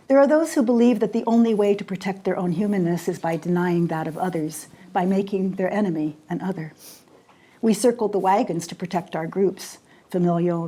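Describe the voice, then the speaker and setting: A woman in her sixties who grew up in Jordan, a poet and scholar giving a formal lecture in a measured, deliberate way with weighty pauses. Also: fairly low pitch, mellow. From raised in Jordan. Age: 60s.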